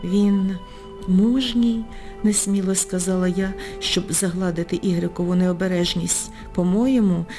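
A woman narrating an audiobook in a measured, expressive storytelling manner. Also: on the low side, music in the background. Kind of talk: audiobook reading.

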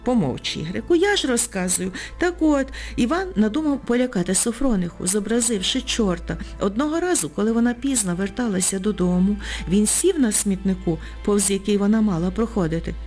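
A woman reads a story aloud in an even, mid-range voice, measured and expressive. Soft music plays faintly behind her. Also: medium pitch. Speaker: narrator. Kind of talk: audiobook reading.

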